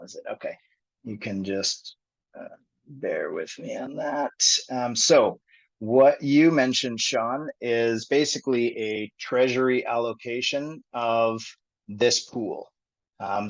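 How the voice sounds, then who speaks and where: A man presenting a technical topic on a group call, thinking aloud with many pauses and fillers. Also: mid-range voice. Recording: dull lo-fi call audio.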